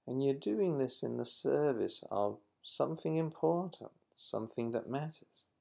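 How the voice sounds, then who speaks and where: A man leading a guided mindfulness exercise in a slow, calm, instructive manner. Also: medium pitch, creaky. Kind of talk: guided meditation.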